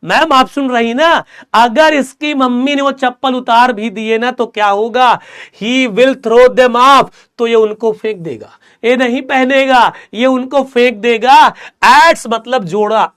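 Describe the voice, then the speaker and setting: High, clear-voiced male English teacher. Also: a bit bright. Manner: addresses students as children, drills words by repeating them; reads English lines slowly, then explains them in Hindi. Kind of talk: explaining a textbook chapter in class.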